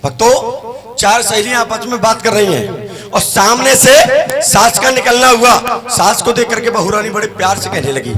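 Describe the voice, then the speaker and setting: High-voiced man rousing a devotional crowd. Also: animated, moderate pace. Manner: playful, crowd-rousing, calls for applause and chants. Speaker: devotional night-vigil singer and stage compere. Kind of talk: comic stage storytelling between hymns. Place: outdoor village religious gathering stage. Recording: loud live band music behind.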